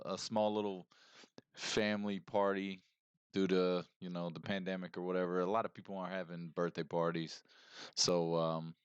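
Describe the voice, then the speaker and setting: A man's voice: low voice, clean tone, dry recording. A man in his thirties on a livestream, chatting casually with viewers in a rambling way and greeting them by name, heard through his streaming headset mic. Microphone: close streaming mic.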